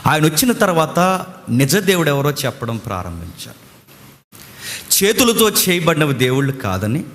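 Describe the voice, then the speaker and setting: A man's voice: medium pitch, in a large hall. A man preaching a sermon as a pastor, firing off rhetorical questions, acting out quoted voices and mixing English words into his speech.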